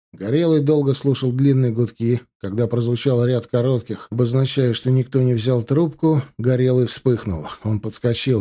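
A male audiobook narrator with a mellow, dark voice, telling a gritty crime story at an even, steady pace. His delivery stays calm between the scenes. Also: medium pitch. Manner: steady storytelling with character quotes.

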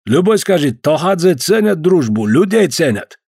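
A high, swooping Georgian voice, all hearty warmth over a pushy edge, as a male narrator puts him on. The accent is thick and the delivery effusive, each phrase flung upward in this audiobook crime story. The voice stays dry and slightly husky. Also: big pitch swings, normal speed, no echo, heavily acted. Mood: coaxing. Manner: effusive, calls everyone "dear". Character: Georgian man, pushy, smooth then threatening.

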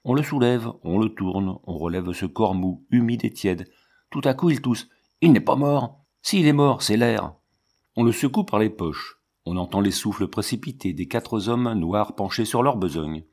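A man reading a novel aloud in measured, steady audiobook narration. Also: fairly low pitch. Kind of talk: scripted literary narration.

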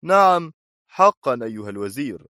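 A man's voice: medium pitch, big pitch swings, moderate pace, sharp tone, dry recording, studio quality, voice pushed up. A male narrator voicing a stern, cold, commanding intelligence chief who speaks firmly and curtly in an audiobook. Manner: firm, curt, steely. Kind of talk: audiobook character voice.

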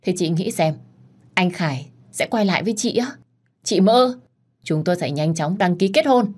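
Shrill spiteful young mistress, whiny and high, read by a woman. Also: lively intonation, a little fast, a little mellow, slightly rough. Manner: shrill, whining.

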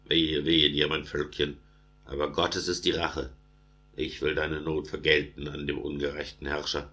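A man's voice: very deep voice, level tone, normal speed, sharp tone, full character voice. A man voicing a small, vengeful female ant queen in a storybook, speaking in rhythmic verse. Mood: grieving.

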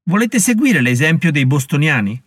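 A man's voice: fairly high pitch, big pitch swings, moderate pace, a bit bright, no echo, clean studio sound, pitched above the performer's own voice. A man voicing a stern, haughty colonial official who lectures and threatens with scorn in an audiobook reading.

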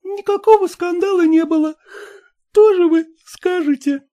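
A man's voice: extremely high pitch, dull audio, voice pushed up. Man putting on a sulky young bride's voice. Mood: ironic. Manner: sulky, ironic, quick to shout. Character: petulant, hysterical young bride, woman. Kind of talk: audiobook character voice.

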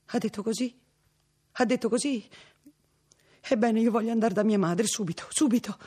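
A man's voice: high-pitched, normal speed, mellow, husky, voice pushed up. A man reading an audiobook, voicing a frightened young peasant woman who pleads anxiously. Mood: pleading.

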